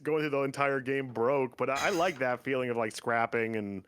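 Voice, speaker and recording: A man's voice: mid-range voice, moderate pace, fairly bright tone, clean tone. A man hosting a casual gaming podcast, rambling with lots of fillers and frequent laughs. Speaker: podcast host.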